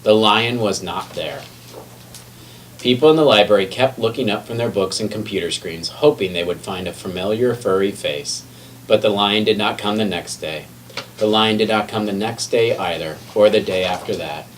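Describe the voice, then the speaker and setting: A man with a voice on the low side reads a children's picture book aloud at normal speed. He puts expression into it, though he occasionally stumbles and corrects himself. Faint background noise accompanies the distant mic recording.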